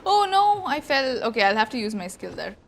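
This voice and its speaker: On a game livestream, a streamer from India chats casually and giggles, her talk scattered. Her fairly high, gravelly voice swings widely in pitch at a brisk pace, with slight background noise.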